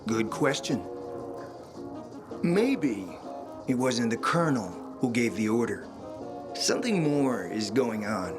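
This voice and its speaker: Over loud music, a male actor voices a suave, scheming middle-aged spymaster in a video game, sounding theatrical, smooth and insinuating. His mid-range voice is sing-song and conspiratorial, taking things slowly with long pauses.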